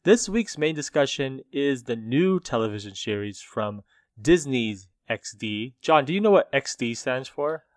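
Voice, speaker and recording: A man's voice: medium pitch, lively intonation, unhurried, no echo. Upbeat man hosting a podcast, dry mic. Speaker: podcast host. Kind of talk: casual podcast chat.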